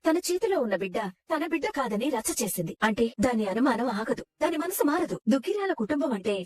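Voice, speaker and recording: A cold scheming plotter. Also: female voice, high-pitched, sing-song, quick pace, darkish tone, no room sound, clean studio sound. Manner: cool, calculating, menacing. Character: scheming woman plotting with a minister. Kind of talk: Telugu TV serial acting.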